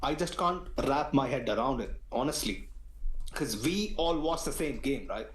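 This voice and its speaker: A man's voice: mid-range voice, animated, normal speed, roomy sound, low-quality recording. A man on a football fan podcast, ranting in an emphatic, slangy way. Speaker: podcast panelist. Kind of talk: heated football podcast talk.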